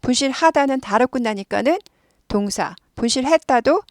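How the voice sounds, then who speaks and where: A woman's voice: sits high, animated, normal speed, no room sound, clean studio sound. A woman teaching English pronunciation, repeating words over and over and explaining them patiently.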